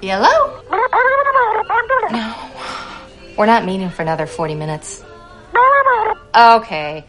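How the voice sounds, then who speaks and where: An actress playing a curt, exasperated adult witch on the phone, in a TV clip with loud music under her. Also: medium pitch, takes it slowly, long pauses, lightly acted, rough recording.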